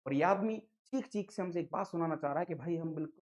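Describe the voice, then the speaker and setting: An online maths teacher explaining probability to exam students in a lively, playful lecture, talking to them as sir and dada. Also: female voice, fairly low pitch, fast talker.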